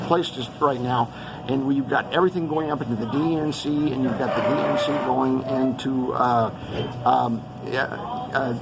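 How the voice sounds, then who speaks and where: Over some background noise, a man with a mid-range voice rambles through an earth-changes briefing he hosts, naming one place after another and leaning heavily on fillers. He grew up around the Los Angeles area of California.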